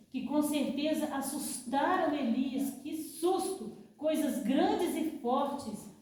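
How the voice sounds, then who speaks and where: A fairly high, mellow-voiced woman tells a Bible story at a camp, acting it out and sinking to a hush for effect. Her voice comes from a distance in a very echoey hall, with faint noise behind it. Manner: dramatic, drops to a hush for effect. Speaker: Bible teacher at a women's camp. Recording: echoey room, voice from far off.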